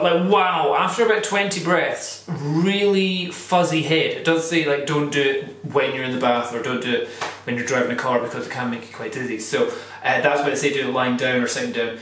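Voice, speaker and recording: A man's voice: mid-range voice, a little fast, a bit bright, slight background noise. A man talking casually to camera in a vlog, rambling and thinking aloud. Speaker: vlogger doing a cold-water challenge. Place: echoey indoor room with hard surfaces. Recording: very echoey room, distant mic.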